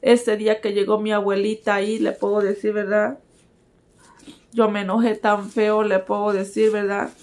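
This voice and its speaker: A woman's voice: mid-range voice, little pitch movement, moderate pace, darkish tone. A woman giving a personal religious testimony, earnestly speaking to her listeners as brothers and sisters.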